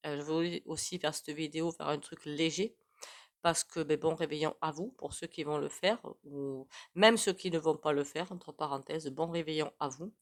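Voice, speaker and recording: A woman, talking with a blocked nose from a cold. Her voice sits a little low, and she chats casually and rambles, often stopping to clear her throat. She sounds like a host talking straight to her viewers. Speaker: tarot reader and channel host.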